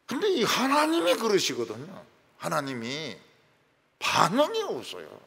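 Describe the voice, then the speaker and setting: Husky, gravelly pastor preaching. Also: male voice, on the high side, unhurried. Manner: animated, joking, acts out quoted phone calls and prayers. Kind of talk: sermon. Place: church sanctuary. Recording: reverberant church hall.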